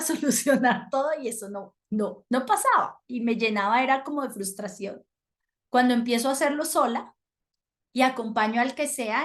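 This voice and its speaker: Woman, middle-aged, parenting coach; gentle reflective delivery, slightly high voice. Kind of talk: talk to mothers with slides.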